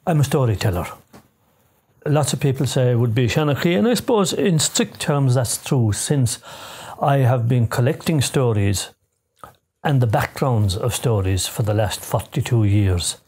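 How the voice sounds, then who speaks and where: A man in his sixties with a rural western Irish accent tells folklore in a lilting, dramatic way, with deliberate pauses and repetitions. His voice is husky. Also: medium pitch, animated, a little mellow. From Ireland. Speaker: storyteller of folklore. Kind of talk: traditional oral storytelling. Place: small living room, seated in armchair.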